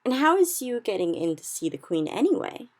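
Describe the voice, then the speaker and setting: A woman voicing a big, friendly male giant in a storybook reading, who speaks slowly and mangles his grammar. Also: on the high side, big pitch swings, a little mellow, pitched above the performer's own voice. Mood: stubborn. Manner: slow, odd jumbled grammar.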